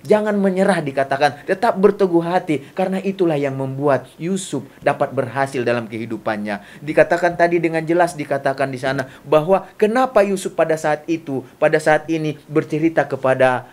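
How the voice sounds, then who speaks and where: A man's voice: fairly high pitch, brisk, few pauses, darkish tone. A middle-aged man preaching a sermon as pastor, emphatic and repetitive, seated at a desk on a small studio set. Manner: emphatic, gestures with his hands while preaching; repetitive, builds lists of phrases.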